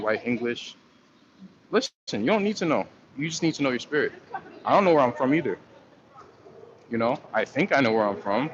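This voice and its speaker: On a laid-back livestream, a man rambles through viewer comments in loose, slangy talk full of fillers and restarts. His pitch sits in an ordinary middle range. The lo-fi stream audio sounds dull, with a faint hiss underneath.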